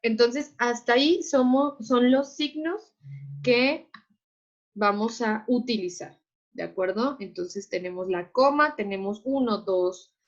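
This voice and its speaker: A woman's voice: on the high side, takes it slowly. A woman teacher, patiently explaining to her class and often checking that students follow. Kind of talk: online class lecture. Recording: muffled lo-fi audio.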